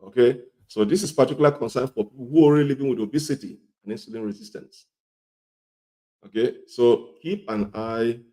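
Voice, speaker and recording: Male health presenter, coarse gravelly voice thick with a cold, very dark tone, repetitive and emphatic instructional delivery. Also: fairly low pitch. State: congested and hoarse with a cold. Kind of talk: instructional talk to viewers.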